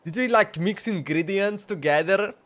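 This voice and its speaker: A game streamer gives casual live commentary on his gameplay, rambling and thinking out loud. He speaks at a moderate pace in a high, slightly bright voice.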